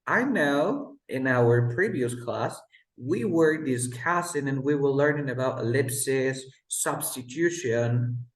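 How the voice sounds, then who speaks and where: A man's voice: medium pitch, expressive. Man teaching English. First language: Spanish. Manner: patient, explains pronunciation slowly. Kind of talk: online one-on-one lesson. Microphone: video call. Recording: roomy echo.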